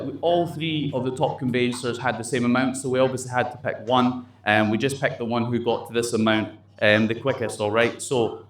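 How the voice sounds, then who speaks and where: A man runs a staff meeting in a roomy office space, his voice echoing a little with a faint hum behind it. He talks bluntly and keeps the room motivated, dropping the odd swear word. His pitch sits in a middle range. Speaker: manager leading a staff meeting. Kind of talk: addressing staff at a company meeting. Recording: roomy echo with faint background noise.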